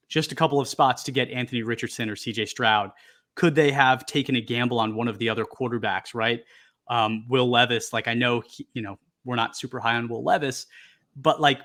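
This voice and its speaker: A man's voice: mid-range voice, a bit bright. A man co-hosting a sports podcast, chatting casually and hedging as he thinks aloud. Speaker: podcast co-host.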